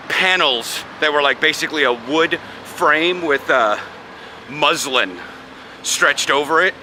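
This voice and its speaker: Handheld camera in tow, a young American vlogger rambles and laughs through casual chat on city streets and in his car. His voice sits on the high side and sounds pushed and bright. Traffic noise comes through clearly outside.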